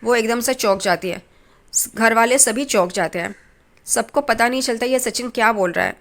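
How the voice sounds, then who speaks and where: She recaps a TV serial episode casually, her voice a little high and her pace moderate. The telling is simple and includes minor restarts plus dialogue read out loud.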